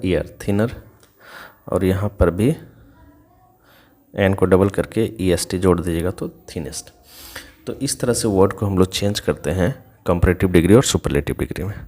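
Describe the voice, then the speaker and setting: Male tutor, low voice, patient and repetitive, spells words letter by letter. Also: mellow. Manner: patient, repetitive step-by-step explaining. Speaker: English teacher. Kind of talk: explaining grammar rules in Hindi.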